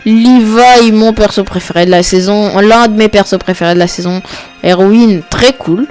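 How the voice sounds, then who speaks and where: A woman's voice: mid-range voice, fairly even intonation, moderate pace, darkish tone, soft background music. A woman giving casual, joking, off-the-cuff commentary while ranking characters, with muttered asides. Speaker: video creator ranking characters.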